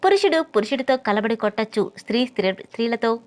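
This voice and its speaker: A confident young suitor from an audio novel, voiced by a woman reader in her own fairly high voice. He speaks in a self-assured, possessive, taunting way. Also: lively intonation, fast, darkish tone, natural voice. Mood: teasing. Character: bold, teasing young man, her suitor.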